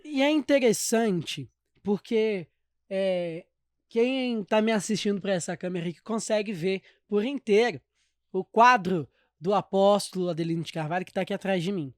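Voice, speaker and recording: Enthusiastic Brazilian podcast host, dry sound. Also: male voice, high voice, moderate pace, no echo. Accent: Brazilian Portuguese. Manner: enthusiastic, reflective interviewer. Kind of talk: conversational interview.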